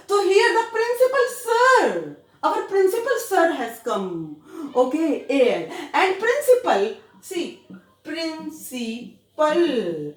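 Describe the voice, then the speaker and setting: A woman's voice: very high-pitched, roomy sound. A woman teacher with an Indian accent explaining English words, spelling them out letter by letter and switching between Hindi and English. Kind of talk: grammar lesson in Hindi and English.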